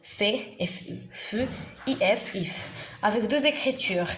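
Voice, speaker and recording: A woman giving a beginners' reading lesson, spelling out letters and syllables slowly and deliberately. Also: mid-range voice, fairly bright tone. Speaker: teacher. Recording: echoey room with faint noise.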